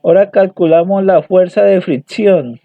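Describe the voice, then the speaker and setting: Hesitant young male student, high voice, slow delivery, reading results over lo-fi dry audio. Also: dry recording. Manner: hesitant, halting, repeats words and restarts. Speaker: student presenting homework. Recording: dry tinny phone-like audio.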